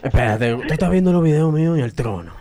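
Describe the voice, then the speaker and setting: A man's voice: on the high side, lively intonation, fast talker, a loud crowd. A man hosting a comedic radio call-in show, crude and joking, laughing often.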